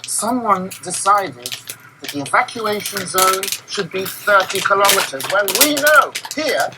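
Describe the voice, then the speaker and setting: An actress playing a determined nuclear scientist who presses with urgent questions. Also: female voice, mid-range voice, animated, a little slow, background noise, natural voice.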